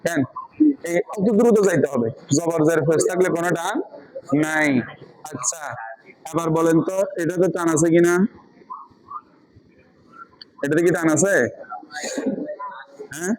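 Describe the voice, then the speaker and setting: A man's voice: a little high, steady tone, moderate pace, long pauses, a crowd in the background, poor audio. A man teaching Quran reading in a class, quizzing students patiently with repeated questions. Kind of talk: online class lesson.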